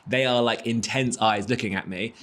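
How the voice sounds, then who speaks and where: A man in his thirties, a podcast guest who is losing his voice, telling a story in an animated way. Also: medium pitch, moderate pace. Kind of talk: casual storytelling.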